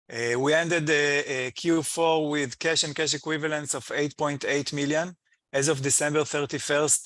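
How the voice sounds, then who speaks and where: On an earnings call, a male executive walks through the company's financial results, halting and hesitant, with phrasing that sounds slightly non-native. His voice sits on the high side with a fairly bright tone, and there's no room sound.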